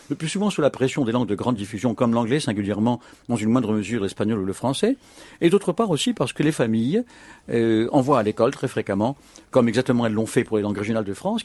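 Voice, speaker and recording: A man's voice: medium pitch, a little mellow, slightly rough. A man answering interview questions as a language expert, explaining things fluently and giving firm opinions.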